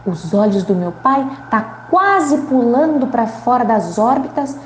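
A woman's voice: a little high, animated, measured pace, echoey room, slight background noise. A woman reading aloud as a young boy who tells his dream in broken, childlike grammar. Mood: dreamy.

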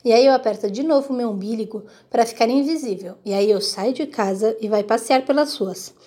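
A woman reading a children's book aloud in a lively, expressive way. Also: fairly high pitch, brisk. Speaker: reader.

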